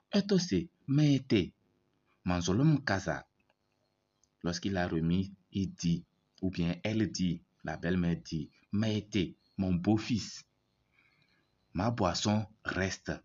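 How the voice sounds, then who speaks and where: A man with a very low voice teaches a language lesson at an unhurried pace, repeating words and checking in with his listeners. The recording is dull and lo-fi. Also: a little mellow. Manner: slow, repeats words, asks "c'est bon?". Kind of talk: reading lesson, explaining a story.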